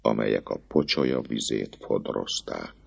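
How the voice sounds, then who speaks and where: A man narrating an audiobook with a dramatic, expressive reading. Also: a bass voice, vocal fry, slight background noise.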